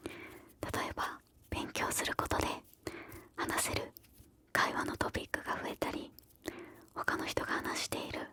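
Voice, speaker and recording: Close, bright ASMR whisper from a woman. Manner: whispers throughout, soft and breathy; encouraging, gentle advice-giving. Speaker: ASMR host answering viewer questions.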